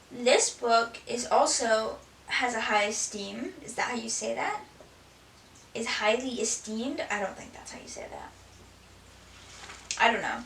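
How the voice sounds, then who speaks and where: A woman talks casually through her recent reads, rambling along with a steady stream of "like." Her voice sits a little high. It reaches the mic from a few steps away in an echoey room, with a faint hiss behind it. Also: far from the mic. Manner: rambling, frequent "like" fillers. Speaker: book vlogger. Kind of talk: casual book review chat.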